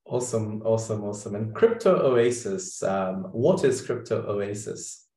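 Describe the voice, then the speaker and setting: A man's voice: fairly low pitch, animated, normal speed, warm tone, roomy sound, slight background noise. A middle-aged man hosting a podcast over a video call, chatty and playful, with short backchannels. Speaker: podcast host. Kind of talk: casual video-call interview.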